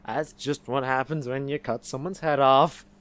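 A man's voice: medium pitch, fairly even intonation, moderate pace, fairly bright tone, clean tone. A man in comedic dialogue, sulky and defensive, who flares up now and then.

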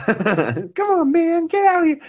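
A man putting on the voice of an excited seven-year-old boy who shouts tough-guy lines. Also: very high voice, takes it slowly, voice pushed up, heavily acted.

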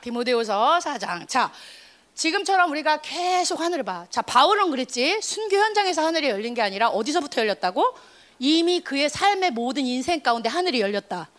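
A young woman youth pastor preaching an energetic sermon to teenagers, emphatic and animated, calling out for responses from the room. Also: high-pitched, fairly quick.

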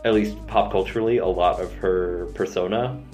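A man with a very deep voice chats loosely about music, filling the gaps with "um" and "like." His talk wanders and doubles back as he thinks aloud. Soft music plays faintly behind him. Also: moderate pace. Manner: rambling, many fillers and laughs. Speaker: podcast co-host. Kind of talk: casual music discussion.

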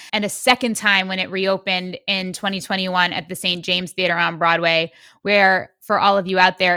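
A woman's voice: fairly low pitch, bright, forceful tone, no echo. Enthusiastic woman podcast host, dry close mic. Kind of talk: scripted intro then interview questions.

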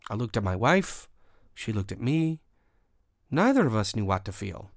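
Dry, close-miked male radio storyteller. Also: no echo. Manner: measured, expressive storyteller, lifting his pitch at tense moments. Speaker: radio show host. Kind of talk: first-person storytelling narration.

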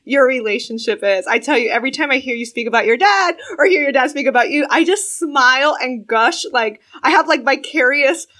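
Woman cohost, kinda high voice, gushy and excited. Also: fairly quick, hardly any pauses. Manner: gushing, enthusiastic. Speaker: podcast co-host. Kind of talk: casual podcast chat.

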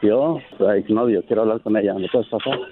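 A man's voice: on the low side, a little fast. A male caller arguing defiantly on a prank phone call. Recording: tinny phone line with hiss.

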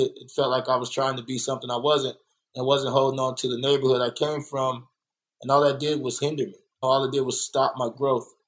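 Over poor audio, a mid-range male voice belongs to a young muralist from Los Angeles, born in Kansas City and raised in South Central. As an interview guest he speaks candidly, earnestly and reflectively, circling back to stress his points.

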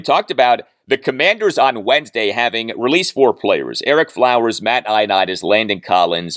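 Male host, solo football analysis, very animated delivery, dead-dry room. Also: medium pitch, no echo. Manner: lively, emphatic, repeats key points. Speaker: podcast host. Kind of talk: solo sports podcast analysis.

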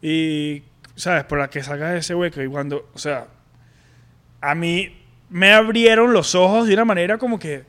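A man's voice: sits high, steady tone, normal speed, fairly bright tone, clear, resonant tone. A man, co-hosting a casual podcast and candidly telling a personal story with many restarts and fillers. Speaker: podcast co-host. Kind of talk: casual chat.

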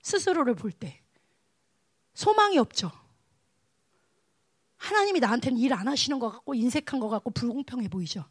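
Brief: woman preacher, high voice, emotional testimony, dry close sound. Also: a little fast, pauses often, breathy edge, no room sound. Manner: emotional, animated, swings to hushed tones. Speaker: evangelist preaching. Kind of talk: sermon with personal testimony.

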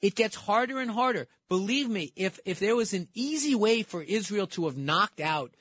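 A male talk show co-host argues politics emphatically, often repeating words as he builds a point. His voice sits high, and the recording is close and dry with no room sound. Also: expressive, moderate pace, fairly bright tone, no room sound.

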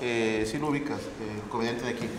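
A man's voice: mid-range voice, fairly even intonation, fairly quick. Joking man in an echoey room. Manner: joking, crude slang, loose storytelling. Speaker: podcast co-host. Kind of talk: casual banter. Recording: roomy echo, long reverb, faint noise.

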